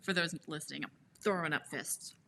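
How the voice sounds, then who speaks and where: Deep-voiced woman nurse on a podcast, blunt and jokey, faint noise in the back. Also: a little fast, gravelly, bright, forceful tone. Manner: blunt, joking, asks the questions. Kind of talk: casual chat.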